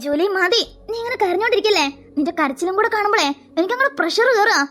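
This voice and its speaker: Woman voicing a high, bright college girl in a cartoon, scolding and reassuring by turns. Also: lively intonation, quick pace. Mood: scolding gently. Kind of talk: Malayalam cartoon voice acting.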